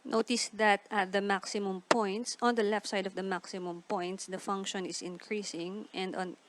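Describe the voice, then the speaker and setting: A woman's voice: mid-range voice, fairly even intonation, normal speed, slight background noise, poor audio. A woman teaching a recorded math lesson, explaining patiently step by step and restating each point.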